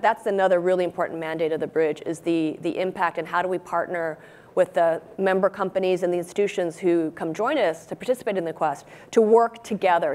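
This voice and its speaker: A woman's voice: on the low side, darkish tone. A woman in her forties speaking as a panelist on a conference stage, explaining at length with frequent "you know"s into a lapel mic. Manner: expansive, fluent explaining with many "you know"s. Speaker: panelist, robotics researcher.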